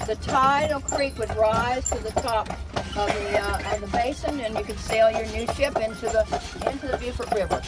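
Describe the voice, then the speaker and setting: A woman of about seventy, her voice fairly high and her pace normal, works as a tour guide and projects a chatty, explanatory sightseeing commentary to her group from a moving open carriage outdoors. Loud music plays behind her, and horse hooves clip-clop amid heavy noise. It's a very noisy outdoor recording made on a handheld phone held a short distance away.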